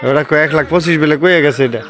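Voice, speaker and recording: Man, quick talker, fairly high voice, bargaining over a cow, voices and clucking hens around. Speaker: cattle buyer. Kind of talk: casual bargaining chat. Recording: outdoor chatter and clucking chickens.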